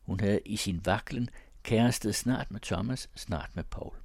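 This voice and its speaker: Deep-voiced man reading a novel. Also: gravelly, darkish tone, dry recording. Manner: measured storytelling. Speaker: narrator. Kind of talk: reading literary fiction aloud.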